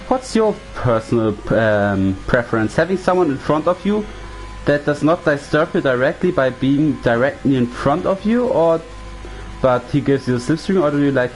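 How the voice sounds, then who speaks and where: This is a lead commentator on a sim racing show, a man with German as his first language who talks in English in a chatty style and drives things along with questions to his co-host. His voice is mid-range. The recording is low quality, with faint music in the background.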